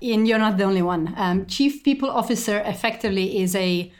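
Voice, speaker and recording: A woman's voice: mid-range voice, a little mellow. Estonian-born woman in her thirties, articulate. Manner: measured, articulate, with frequent ums and small repeats. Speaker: guest, company executive. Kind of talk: conversational interview.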